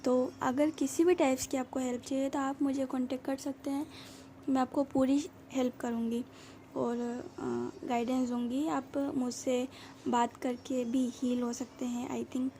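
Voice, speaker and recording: A woman's voice: sits high, little pitch movement, unhurried, a little hiss or hum. A woman doing a casual, chatty tarot reading straight to her viewers, reassuring and loose with filler sounds. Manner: voice comes out somewhat quiet. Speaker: tarot reader.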